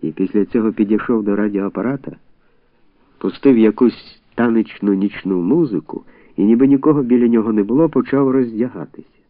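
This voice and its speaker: A man giving measured literary audiobook narration. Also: lowish voice, no echo. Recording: tinny dry phone-like audio.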